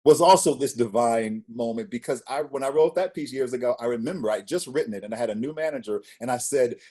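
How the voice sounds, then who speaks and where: A spoken word poet in his forties talks casually as an interview guest, with a medium-pitched voice and a fast pace. He's an expressive storyteller whose lines carry emphatic rises.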